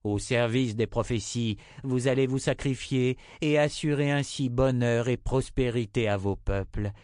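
Guy doing a cold calm lady inquisitor from a fantasy audiobook, raised voice, dry sound. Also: mid-range voice, unhurried, smooth, no echo, lightly acted. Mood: coldly calm. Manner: icy, unshakably composed. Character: cold, calm woman ruling as mother confessor.

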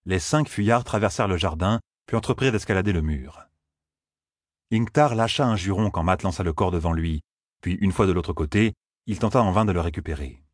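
A male narrator with a low, husky voice reads a fantasy audiobook at a measured, steady pace. The sound is dry and close, with no room around it. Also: no room sound. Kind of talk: scripted narration.

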